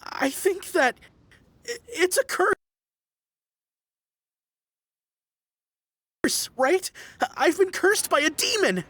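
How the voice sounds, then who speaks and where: An actress playing a timid, frightened young townsperson in an anime video game, nervous and stammering. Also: female voice, very high voice, expressive, unhurried, a bit bright, dry recording, studio quality, full character voice. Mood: panicked.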